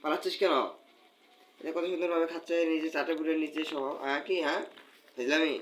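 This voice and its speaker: A man's voice: fairly high pitch, steady tone, fast, slight background noise. A man, filming at home at night and coaxing cats with repeated sing-song calls. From Bangladesh. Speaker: vlogger feeding cats. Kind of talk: casual home video. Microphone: phone camera.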